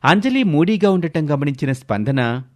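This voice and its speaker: A man's voice: on the high side, very animated, normal speed, a little mellow. Guy reading a moral story, really sing-song, music faint in the back. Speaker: narrator. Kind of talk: scripted story narration.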